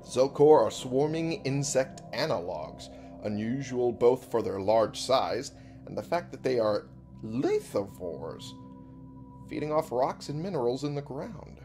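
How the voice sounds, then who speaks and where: A man giving casual, informal gameplay commentary as a host, thinking out loud, reading on-screen text and swearing freely. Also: medium pitch, big pitch swings, measured pace, faint music behind. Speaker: video game let's-play host.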